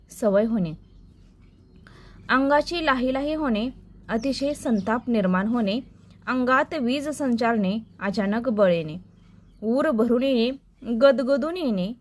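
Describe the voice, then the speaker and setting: Slow, dictating female teacher. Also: on the high side. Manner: slow, dictation-like listing of phrase and meaning. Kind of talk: reciting Marathi idioms for exam prep.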